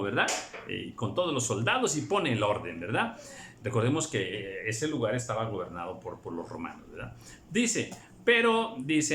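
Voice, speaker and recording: A male preacher giving a lively Bible study, his pitch swinging widely as he acts out the story and keeps checking in with his listeners. The voice echoes in a roomy space with faint background ambience. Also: a little hiss or hum. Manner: animated, acts out scripture, frequent rhetorical "right?". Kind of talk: Bible study sermon reading and commenting.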